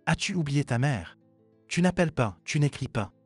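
A man's voice: on the high side, expressive, moderate pace, slightly rough, dry recording. A man reading the lines of a bitter, manipulative middle-aged mother who guilt-trips her daughter. Her lines come in a reproachful tone. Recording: dry with faint music behind.

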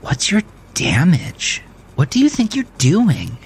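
A man's voice: on the low side, sing-song, slow pace, darkish tone, husky, heavily acted. A man voicing a confrontational woman at a gym, scornful and accusing, in an audio drama.

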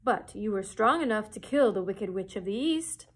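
A woman voicing the great head of a stern male wizard, loud and commanding. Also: mid-range voice, expressive, moderate pace, husky.

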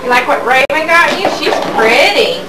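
A mother gently coaxing her child during gift opening, heard on an old home-video VHS tape from a camcorder across the living room. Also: high-pitched, big pitch swings, moderate pace. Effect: old VHS home-video tape sound. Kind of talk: casual family chat. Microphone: camcorder mic across the room. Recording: noisy VHS tape, far off in echoey room.

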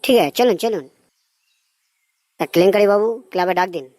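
A woman's voice: mid-range voice, brisk, darkish tone, dry recording, natural voice. A woman voicing a bossy, aging male police chief in a comedy cartoon, commanding and quizzing his subordinate. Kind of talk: cartoon voice acting.

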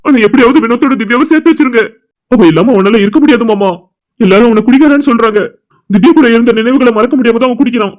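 A man plays a devoted young man in an animated family drama, pleading with his father-in-law. The voice sits very high and races along. His delivery stays earnest and heartfelt. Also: rapid-fire, soft background music. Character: young man, anxious, devoted loyal friend. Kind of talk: cartoon voice acting.

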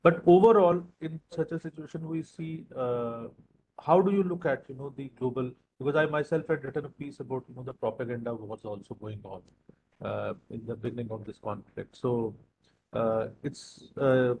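A man's voice: mid-range voice, moderate pace, darkish tone, low-quality recording. Guy moderating, mid voice, rambles through his questions, bit of hiss. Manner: long wordy questions with fillers. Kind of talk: interview questions.

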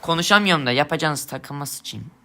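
Young man, frustrated gamer, swearing rants at teammates, sharp forceful tone. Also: fairly high pitch, expressive, fairly quick. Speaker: gamer streamer. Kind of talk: angry gameplay commentary.

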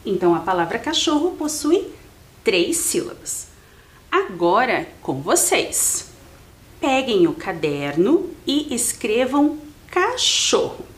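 A woman teacher with a Brazilian Portuguese accent giving a slow, clear literacy lesson to young children, spelling out letters and counting syllables with her pupils. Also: a little high, sing-song.

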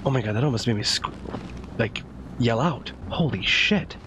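A man's voice: medium pitch, animated, moderate pace, muffled recording. Nervous male gamer over game noise. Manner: casual swearing, nervous. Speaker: horror game streamer. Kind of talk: casual live gameplay commentary. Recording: clear game ambience noise behind voice.

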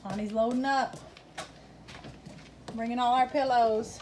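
A homesteader vlogger from Louisiana chats casually to her phone camera while filming around her rural homestead, easygoing and talking to her kids and pets along the way. Her voice is fairly high, steady, measured in pace, and a little mellow, captured in noisy outdoor phone audio.

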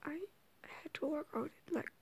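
A teenage girl vlogging late at night, whispering through tears in halting, hesitant bursts. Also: high voice, vocal fry. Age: teens. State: crying.

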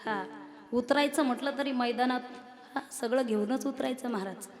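A woman preaching a devotional kirtan sermon, impassioned and rising into loud declaiming. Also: a little high, normal speed. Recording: long hall reverb.

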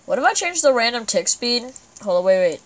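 A woman giving let's play commentary as she plays, excitable and breaking into sudden exclamations. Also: on the high side, brisk. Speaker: gamer.

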